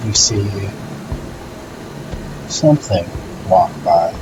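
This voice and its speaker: This man's voice sits low, with lively intonation and a very slow pace, as he casually comments on gameplay during a walkthrough. He sounds offhand and hesitant, musing aloud, while loud game audio and music fill the noisy background.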